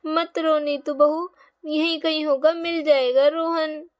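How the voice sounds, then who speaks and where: A woman voicing a calm older grandmother who soothes the family. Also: high voice, takes it slowly. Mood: soothing.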